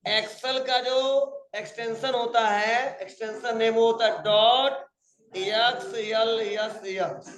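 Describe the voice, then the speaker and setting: A man teaching a computer class, quizzing his students and repeating each question slowly. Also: very high-pitched, fairly bright tone, reverberant. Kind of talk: classroom quiz lesson.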